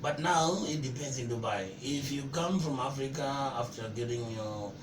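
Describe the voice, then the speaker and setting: A man from Zimbabwe, a chef, speaking in a relaxed, chatty way in a casual interview. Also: mid-range voice, normal speed. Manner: relaxed, chatty, addresses host as bro. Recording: echoey, distant, noisy.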